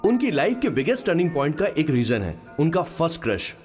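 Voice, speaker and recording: Chatty sidekick narrator, raised pitch, lively delivery, soft score behind. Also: male voice, fairly quick, faint music behind. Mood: cheeky. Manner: playful storytelling. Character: chatty loyal young male assistant. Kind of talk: dubbed film narration.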